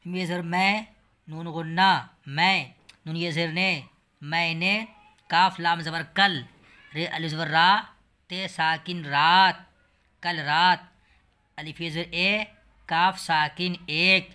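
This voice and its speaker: A man's voice: a little high, fairly even intonation, slow, pauses often, bright, forceful tone, clear, resonant tone. A man teaching a reading lesson, with an Urdu accent, spelling out each word letter by letter and vowel sign before reading it whole. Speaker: language teacher.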